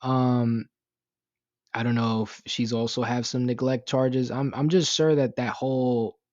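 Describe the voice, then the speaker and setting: A man's voice: medium pitch, fairly even intonation, a little slow, darkish tone, dry recording, lo-fi sound. A young man giving casual commentary on a news story, rambling with lots of fillers, swearing and sounding indignant. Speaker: YouTube commentator.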